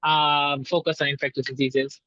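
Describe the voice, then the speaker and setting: Bright-voiced young man from Jamaica. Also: on the high side, little pitch movement, normal speed, dry recording, lo-fi sound. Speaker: panelist, doctoral student. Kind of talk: casual chat.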